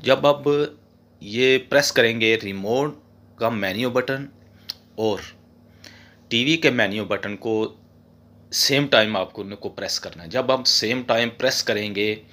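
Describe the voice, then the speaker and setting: A man's voice: lowish voice, bright, forceful tone. A man hosting a casual how-to tutorial for his TV repair channel, chatty and often ending lines with "okay". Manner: voice-over with no face on screen.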